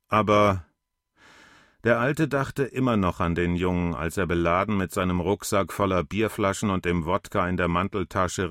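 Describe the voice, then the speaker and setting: A man narrating a literary short story in a calm, measured reading. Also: sits low, no room sound, clean studio sound.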